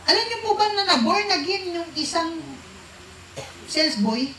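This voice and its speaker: A woman's voice: extremely high pitch, animated, measured pace, sharp tone, a little hiss or hum. A woman preaching a sermon to a congregation, often asking them questions and mixing English phrases into her talk. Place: church hall with a congregation. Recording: echoey church hall.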